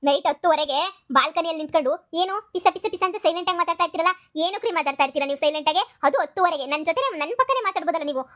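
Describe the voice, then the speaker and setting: In an extremely high, racing voice with a fairly bright tone, the actress brings a jealous cartoon wife to life. She nags and accuses, needling relentlessly and repeating herself.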